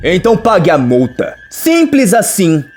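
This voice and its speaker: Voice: mid-range voice, wildly swooping pitch, a little slow, darkish tone, slight background noise. A narrator reading a smug scheming male boss who mocks and bargains. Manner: mocking, smug.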